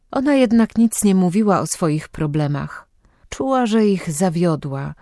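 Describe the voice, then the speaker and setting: A woman reading an audiobook in calm, measured scripted narration. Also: fairly low pitch, no room sound, clean studio sound.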